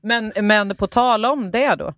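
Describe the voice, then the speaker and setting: Animated podcast co-host, dry sound. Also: mid-range voice, no room sound. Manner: animated, swears and laughs while talking. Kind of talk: casual chat.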